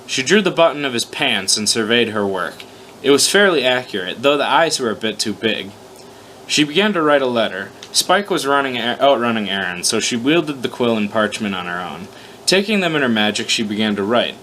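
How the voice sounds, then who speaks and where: Very animated and fairly quick, a man with a bright, forceful mid-range voice reads his own fan fiction in an informal session. He swears casually, makes self-deprecating jokes, and trips over his words. The recording is rough, with a little hiss or hum.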